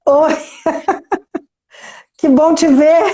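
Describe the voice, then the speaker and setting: A woman with a Brazilian Portuguese accent hosts a warm live interview over a video call, effusive and chatty, tagging many sentences with "né?" Her voice sits high and has a dark tone, and she speaks extremely slowly.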